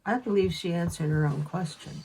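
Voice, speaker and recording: A woman channeling a spirit in slow, measured speech, with a husky voice. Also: on the low side, warm tone, recorded from a distance, slight background noise. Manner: slow, measured, unhurried delivery.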